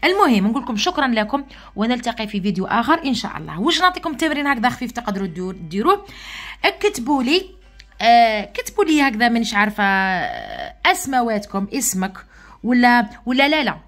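A woman with an Algerian Arabic accent teaching English letter sounds to young pupils in an online lesson, patient, repeating sounds slowly and often checking that they follow. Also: on the high side, wildly swooping pitch, fairly bright tone.

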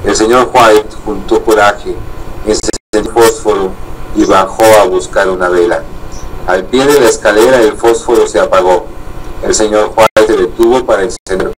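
A man's voice: on the low side, fairly even intonation, moderate pace. A man steadily reading a horror story aloud, with a few slips and restarts. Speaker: reader. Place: indoors, live stream. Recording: distant mic, faint air-conditioning hum.

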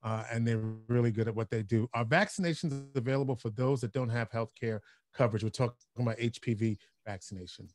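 A middle-aged man moderating a panel on a video call, speaking in a measured, thoughtful way with some restarts, using a headset mic. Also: medium pitch. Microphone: headset with boom mic on a video call.

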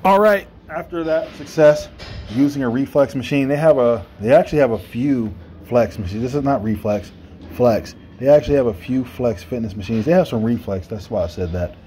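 A fitness vlogger in his thirties talks casually about his workout, explaining things loosely and correcting himself. He starts in a gym with the phone camera propped up, then moves outdoors by trees holding it at arm's length. His voice is warm and medium-pitched at a moderate pace, with faint music and background noise.

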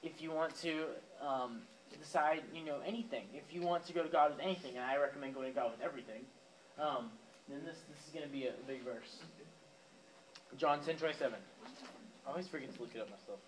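A young youth pastor preaches to a live audience of teens in a church youth room, keeping it casual and direct with plenty of fillers and asides. His slightly high voice moves briskly, and the low-quality recording carries a faint hiss or hum.

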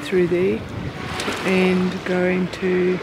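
Out on a sailboat, a woman from New Zealand who vlogs about sailing chats off camera, wandering between thoughts with many fillers and false starts. She speaks extremely slowly in a fairly low, monotone voice over a noisy background.

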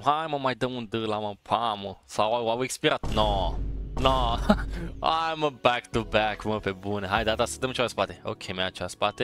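A man's voice: mid-range voice, a bit bright. A man giving casual, eager commentary as he opens football card packs, urging the game on and tossing in English exclamations. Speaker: gaming streamer opening packs. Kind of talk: casual pack-opening commentary.

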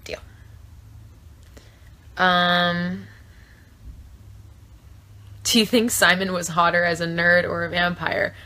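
Young woman actor, bright lowish voice, chatty and unscripted, phone held at arm's length. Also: flat delivery, slow pace, long pauses. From South Florida. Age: 20s. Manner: chatty, thinks aloud with fillers. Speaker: actor answering fan questions. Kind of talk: casual live-stream chat. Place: small trailer room indoors.

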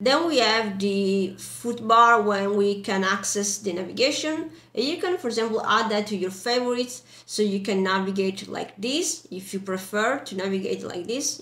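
A young woman, a non-native English speaker, giving a casual step-by-step software tutorial in an informal, loosely phrased way. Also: medium pitch. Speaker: tutorial presenter. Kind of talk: casual screen-recorded software walkthrough. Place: indoor room. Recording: roomy, echoey voice track.

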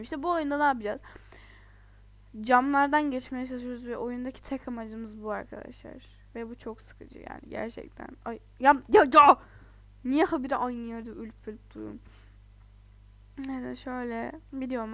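A woman giving chatty, casual commentary while playing a video game, excitable, laughing often and exclaiming in frustration. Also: a little high. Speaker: let's play gamer.

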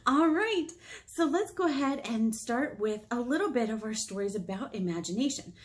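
In a small room with a painted wall, an American woman in her thirties leads children's storytime as the librarian, using simple phrases and asking the kids questions. Her voice is a little high and animated, delivered at normal speed.

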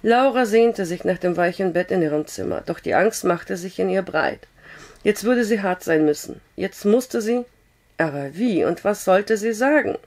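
Hoarse woman reading a novel aloud. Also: medium pitch, moderate pace. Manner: calm, steady storytelling with occasional slips. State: hoarse with a cough. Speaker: audiobook reader.

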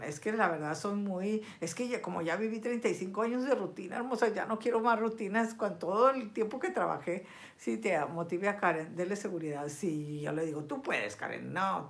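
A woman's voice: mid-range voice, animated, normal speed, creaky. A chatty, affectionate woman, reading viewer comments in a casual live vlog. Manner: chatty and affectionate, lots of diminutives and endearments.

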